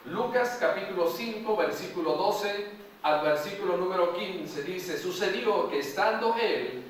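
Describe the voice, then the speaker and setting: Slow, high-voiced preacher in an echoey hall. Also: male voice, expressive, recorded from a distance, slight background noise. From Mexico. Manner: slow, emphatic preaching with repetitions and questions to the congregation. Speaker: pastor. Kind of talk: sermon. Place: large church hall.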